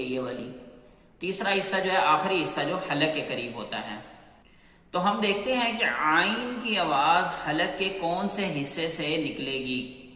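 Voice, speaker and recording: A man with a bright, fairly high voice gives a patient pronunciation lesson, drawing out each letter slowly and repeating it. The room is echoey, and each word trails off into a long reverb. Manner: slow, clear, repeats sounds and drawn-out chanted letters. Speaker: Qur'an teacher.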